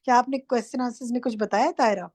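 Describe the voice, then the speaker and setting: A woman runs an online class. She calls on students and corrects their reading firmly. Her voice sits fairly high, and the sound is dry and close. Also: darkish tone, dry recording. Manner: firm, corrects students directly. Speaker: teacher leading an online class. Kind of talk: interactive class quizzing students. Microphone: online class microphone.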